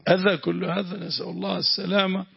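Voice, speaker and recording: A sheikh with a Damascene accent teaches a lesson, telling stories and breaking into pious phrases. His voice is gravelly and raspy, a bit high for a man. The recording is dull, lo-fi and dry. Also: little pitch movement, fast talker. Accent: Damascene Arabic. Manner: storytelling, exclaiming pious phrases. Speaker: sheikh teaching Quran commentary. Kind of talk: lesson with anecdotes.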